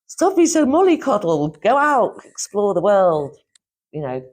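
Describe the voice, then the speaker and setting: In a mid-range voice with big pitch swings and a somewhat dark tone, a middle-aged woman from Yorkshire, England, talks a little slowly. The former publisher and teacher rambles through a casual interview chat as the guest, laughing and restarting often.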